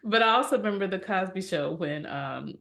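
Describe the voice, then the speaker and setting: A young woman co-hosting a relaxed discussion show. Her voice sits a little low for a woman, and she moves between considered points and playful, laughing teasing of her partner. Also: brisk, vocal fry. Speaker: podcast co-host. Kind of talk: casual discussion.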